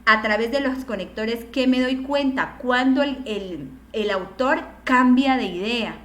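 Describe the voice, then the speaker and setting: A woman's voice: a little high, a little slow, fairly bright tone, echoey room. A woman teacher lecturing an online class, explaining step by step and often checking in with questions.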